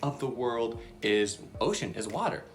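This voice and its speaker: With a rumbling low, animated voice at a moderate pace, a woman leads a casual Bible lesson for young children. She's chatty and bubbly, using lots of fillers, over soft background music.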